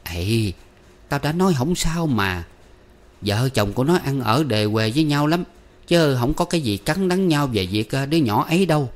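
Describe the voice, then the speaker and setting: Guy doing a nagging village mom voice, high and loud, scolding her son nonstop. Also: expressive, normal speed, lightly acted. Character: scolding middle-aged village mother, sharp-tongued.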